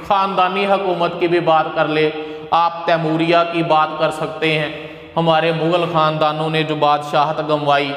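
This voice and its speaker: A man's voice: fairly high pitch, little pitch movement, unhurried, fairly bright tone. A male college teacher lecturing on Urdu poetry, calling students "beta", glossing difficult words and chanting verses, with a Pakistani Urdu accent. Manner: recites verses in a chanting lilt. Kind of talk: classroom lecture explaining poetry. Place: classroom. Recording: echoey classroom with long reverb.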